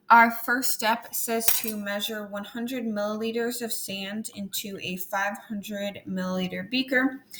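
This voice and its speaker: A woman's voice: on the high side, a bit bright. A woman teacher recording a lesson, giving step-by-step instructions as she demonstrates a hands-on activity at home. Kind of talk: recorded classroom lesson walkthrough.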